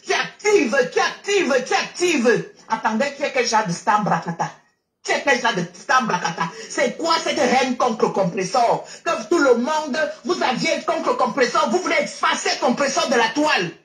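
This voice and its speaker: A woman's voice: high-pitched, animated, normal speed, fairly bright tone, echoey room, faint music behind. A tearful woman giving a repetitive, preachy rant on a live stream from her car. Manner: emotional, preachy, repeats herself. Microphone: phone while driving.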